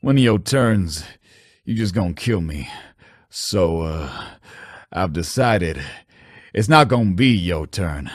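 A man voicing a weary, deadpan, stubborn skeleton in dramatic game-style acting. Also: deep voice, slow pace, long pauses, no room sound, studio quality, heavily acted. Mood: weary resolve.

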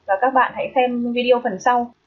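A woman's voice: a little high, fairly even intonation, normal speed, narrow, tinny audio. A woman with a Vietnamese accent teaching English pronunciation, repeating each word and often checking that listeners follow. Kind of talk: phonetics lesson.

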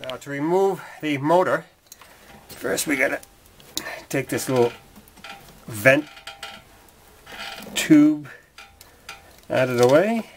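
A man with a medium-pitched voice and lively intonation takes his time, pausing often, as he gives casual, folksy how-to commentary for a repair tutorial. He moves between the engine bay and workbench of a garage workshop, where the noisy recording picks up clicks from tools.

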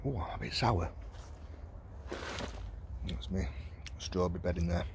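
Low-voiced guy filming his garden plot on a phone, chatty, rambling, faint outdoor noise behind. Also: measured pace. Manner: chatty, rambling, chuckles often. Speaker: allotment vlogger. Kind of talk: casual walking tour commentary. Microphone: handheld phone camera.

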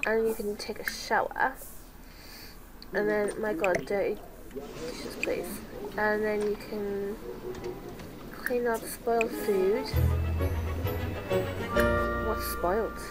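Over loud music and in poor audio, a let's play host who has a cold chats casually about her game and speaks to her characters. Her mid-range voice moves slowly, with frequent pauses.

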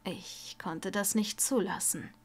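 A woman's voice: mid-range voice, slow. Lucius Malfoy, dying, as a woman puts him on. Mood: rasping weak. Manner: rasping, weak, often whispered. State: coughing, ill. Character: dying older wizard man, cold and bitter.

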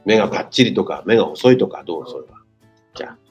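A man hosting a casual talk with students, teasing them in a rough, blunt way. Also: fairly low pitch, animated, fast talker, dull audio, faint music behind. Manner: brusque, teasing, rough-spoken. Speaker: free school counselor hosting a talk.

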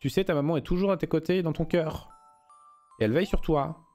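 A man voicing a small, gentle star creature that reassures a crying child in a game's storybook. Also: fairly high pitch, fairly quick, soft background music, close to an everyday voice. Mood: tender. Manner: soft, reassuring.

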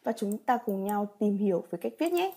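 A woman's voice: medium pitch, lively intonation, normal speed, dark tone, breathy edge. A woman teaching a vocabulary lesson, reading example sentences and patiently explaining each with rhetorical check questions. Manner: reads example sentences then explains them. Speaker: Japanese teacher.

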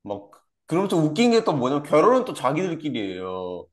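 A man's voice: fairly high pitch, wildly swooping pitch, brisk. A young man giving a personal testimony in a conversation, repeating himself and trailing off with many fillers. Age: young adult. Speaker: guest, former church member.

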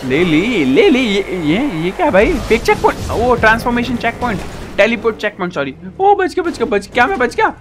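A man giving excited live commentary on a racing game, shouting at the game and joking with his viewers. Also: high voice, fairly quick, over music. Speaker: gaming YouTuber.

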